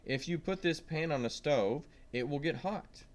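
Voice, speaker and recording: Reading a science lesson aloud for young children, this man speaks at a moderate pace in a voice on the high side. Along the way he emphasizes key words and poses simple questions and prompts to his audience.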